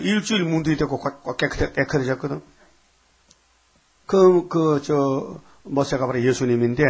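A man's voice: fairly high pitch, creaky, breathy edge. A man preaching a sermon in a conversational, emphatic way, often throwing rhetorical questions at his listeners.

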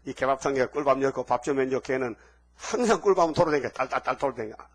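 A man preaching a sermon as a pastor, telling stories animatedly with sudden loud outbursts and asking the audience for agreement. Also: mid-range voice, fast talker, husky. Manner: animated storytelling with sudden shouts.

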